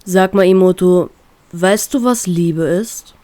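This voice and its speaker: An overprotective older brother with a teasing, prying way of talking, as a woman reading a fanfiction puts him on. He speaks slowly when he probes. The voice stays close to the reader's own. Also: lowish voice, warm tone, no room sound. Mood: probing.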